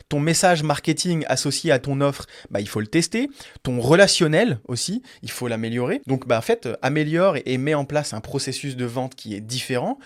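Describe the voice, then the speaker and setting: A man giving business advice in a video, blunt and direct, addressing the viewer and swearing casually. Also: medium pitch. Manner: speaks straight to the viewer. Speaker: business coach.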